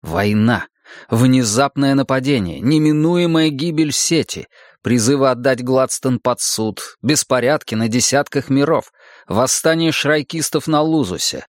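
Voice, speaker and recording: A man narrating a first-person audiobook in a measured, dramatic reading. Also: mid-range voice, lively intonation, dry recording, clean studio sound.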